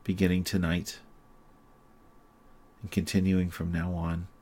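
A man guiding a listener through sleep hypnosis, speaking in a slow, soothing, repetitive way. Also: low-pitched, level tone, warm tone, slightly rough.

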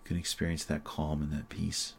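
A man guiding a listener through sleep hypnosis, speaking in a slow, soothing, repetitive way. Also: a bass voice, monotone, gravelly, slight background noise.

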